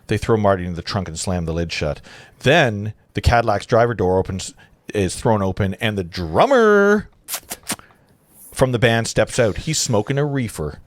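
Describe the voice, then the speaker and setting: A man's voice: on the low side, big pitch swings, moderate pace, no room sound. A man and host reading stage directions aloud at a livestream table read, chatty and stumbling, adding comments between lines. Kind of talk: casual script table read narration with asides.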